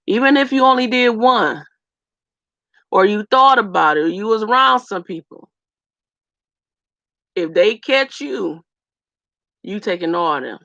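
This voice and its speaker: A woman's voice: medium pitch, animated, unhurried, long pauses, fairly bright tone, no room sound. A woman vlogger earnestly telling a personal story straight to her viewers, speeding up in bursts. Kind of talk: emotional personal storytelling to camera. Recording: dull lo-fi dry sound.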